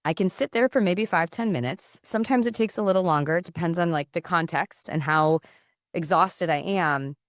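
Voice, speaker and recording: Low-voiced woman counsellor, earnest. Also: normal speed, no room sound, clean studio sound. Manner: reflective, earnest and explanatory. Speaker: podcast guest, mental health counsellor. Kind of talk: casual podcast conversation.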